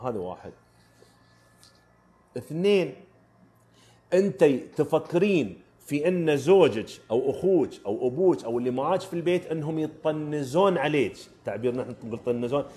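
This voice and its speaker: A man's voice: fairly high pitch, expressive, a little fast, darkish tone. A man with an Omani Arabic accent, hosting a live stream where he answers viewers' driving questions in a casual, emphatic way and repeats his key phrases. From Oman.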